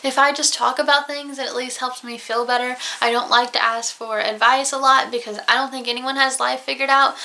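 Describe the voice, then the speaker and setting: A young woman vlogger with a Southern US accent speaks openly to camera about a hard year, emotional and close to tears at times. Her high, bright voice is forceful, fairly quick and fairly even in intonation, with few pauses. She is alone at home, recorded on the camera mic.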